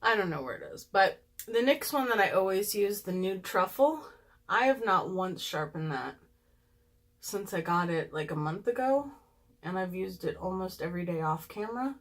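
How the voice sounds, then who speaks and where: A woman's voice: mid-range voice, lively intonation, normal speed. A woman talking casually and candidly to her viewers as she reviews makeup products, with frequent ums and asides. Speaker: beauty vlogger.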